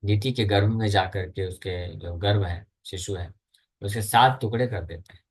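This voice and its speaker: A man with an Indian accent teaching a scripture class. He chants verses slowly and explains them plainly in two languages. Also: lowish voice, slightly rough.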